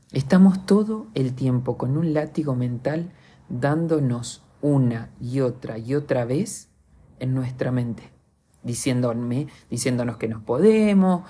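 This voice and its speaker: A man's voice: mid-range voice, dark tone, breathy edge. A man with an Argentine accent hosting a podcast, speaking in an earnest, confessional reflective monologue straight to his listeners. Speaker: podcast host.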